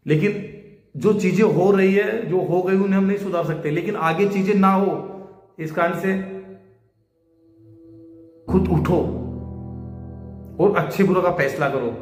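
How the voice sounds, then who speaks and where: A man's voice: high voice, measured pace, pauses often, faint music behind. Impassioned man in an echoey room. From India. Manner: urgent, pleading, rhetorical appeals. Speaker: social media creator. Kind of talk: impassioned monologue to camera. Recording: echoey room with long reverb.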